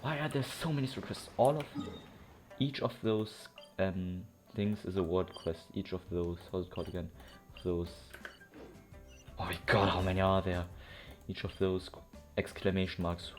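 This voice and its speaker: With game music, soundtrack and character dialogue running underneath, a streamer offers laid-back play commentary at a moderate pace in a low-pitched voice, muttering asides and thinking aloud.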